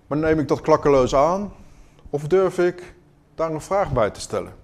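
A man preaching a sermon in an earnest, questioning way, moving between quiet moments and emphatic ones. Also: a little high, lively intonation, moderate pace.

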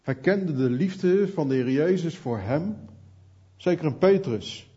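A man's voice: a little high, lively intonation, a little slow, mellow, slightly rough, lo-fi sound. A man preaching an earnest sermon, speaking directly to his listeners.

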